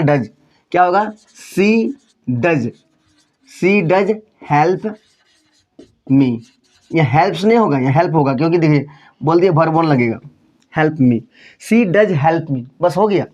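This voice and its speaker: A man gives a slow, unhurried grammar lesson in Hindi, repeating each rule and example word by word. His voice sits a little high for a man. The recording is dull and lo-fi. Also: a little mellow. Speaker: English grammar teacher.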